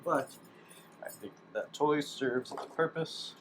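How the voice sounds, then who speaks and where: A DIY electronics hobbyist talks casually through his hands-on work as he does it, thinking aloud informally. He has a medium-pitched voice and a measured pace, and the workshop recording is clearly noisy.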